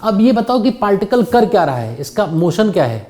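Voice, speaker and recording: Male physics teacher, warm and mellow, lecturing a classroom with frequent questions to students. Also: sits high, big pitch swings, brisk. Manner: patient, keeps quizzing students.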